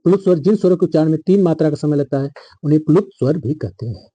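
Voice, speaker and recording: A male teacher with a very dark, mellow tone set a touch above the usual man's pitch. He drills his viewers through a grammar lesson, repeating key points and putting questions back to them. The recording is dry and close. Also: racing, dry recording.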